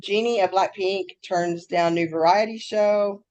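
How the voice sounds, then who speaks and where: A woman's voice: mid-range voice, steady tone, unhurried, darkish tone, muffled recording. A woman co-hosting a casual podcast, chatting and reading out news in a scattered, easily sidetracked way, saying her R's like W's. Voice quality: trouble saying R's, w-like R sounds. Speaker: podcast co-host.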